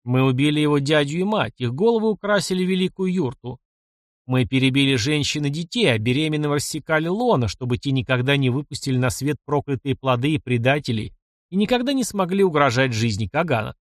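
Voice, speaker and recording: A man voicing a cruel, vengeful old nomad chieftain who speaks in slow, growling commands. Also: fairly high pitch, lively intonation, no echo, clean studio sound, close to an everyday voice. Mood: cold menace.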